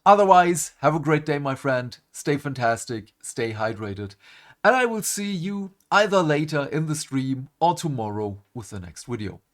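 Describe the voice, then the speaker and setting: A man's voice: a little high, animated, moderate pace. A man hosting a gaming channel, ranting animatedly to camera in a groggy morning voice and swearing for emphasis. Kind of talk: casual gaming commentary to camera.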